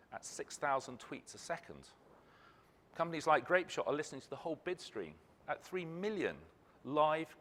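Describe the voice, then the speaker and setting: A man's voice: on the high side, fairly bright tone. Man presenting in a reverberant hall. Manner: rhetorical questions, emphatic phrasing. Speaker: ad technology company speaker. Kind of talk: conference presentation.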